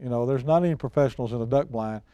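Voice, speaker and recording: A middle-aged or older man, a guest expert and outdoors show personality, tells hunting stories in a folksy, plain-spoken, casual way. He talks very fast in a medium-pitched, mellow voice, recorded with no room sound and the highs cut off.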